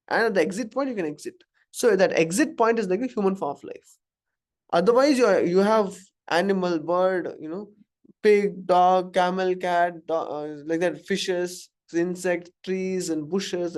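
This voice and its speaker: A spiritual teacher from Karnataka, India, with an Indian accent and a high, slightly mellow voice gives a chatty, informal scripture class to a small live audience. He keeps it conversational, asking the audience questions and chuckling at his own examples.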